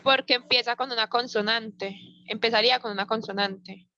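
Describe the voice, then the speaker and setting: A woman's voice: fairly high pitch, steady tone, normal speed, pushed and bright, a little hiss or hum. A woman student answering her teacher's questions in an online class. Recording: muffled lo-fi video call audio.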